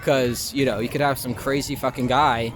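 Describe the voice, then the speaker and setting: This young Long Island, New York, man is a performer being interviewed casually outdoors in a city park, and traffic noise comes through clearly. Music also plays under his medium-pitched voice, which is flat and at normal speed. His talk is loose and self-mocking, full of swearing and "like."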